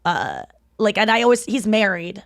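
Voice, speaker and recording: A woman's voice: medium pitch, wildly swooping pitch, moderate pace, no echo, clean studio sound. A woman in her thirties hosting a podcast, chatting candidly with lots of fillers and giggles. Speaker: podcast host. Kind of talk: casual chat.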